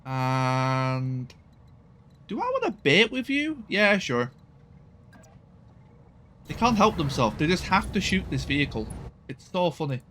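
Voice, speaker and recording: A man chatting his way through a strategy game, with a bright, lively voice that rises and falls a lot. He thinks aloud and swears casually, with faint noise under the recording. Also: a little high, slow pace, pauses often. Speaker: streamer playing a mech strategy game. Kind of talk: casual gameplay commentary.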